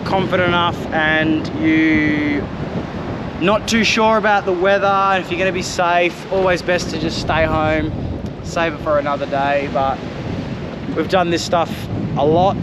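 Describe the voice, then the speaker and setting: An Australian man vlogging from a small boat on a windy river, talking in a laid-back, slangy way with sudden loud whoops. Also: fairly high pitch, fairly even intonation, unhurried. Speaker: fishing vlogger. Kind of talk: casual outdoor vlog narration.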